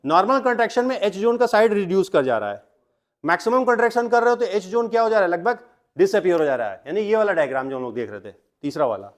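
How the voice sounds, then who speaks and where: A high-pitched young man teaches biology in a classroom. He keeps asking the students questions and answers each one himself, dropping English terms into his explanations. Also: animated, quick pace. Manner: mixes Hindi with English terms. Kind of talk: classroom lecture.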